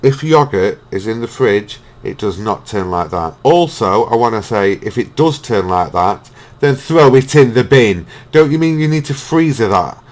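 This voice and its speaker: A man's voice: on the low side, lively intonation, moderate pace. A man hosting a reaction video, mocking and swearing as he rants. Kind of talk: ranting reaction commentary.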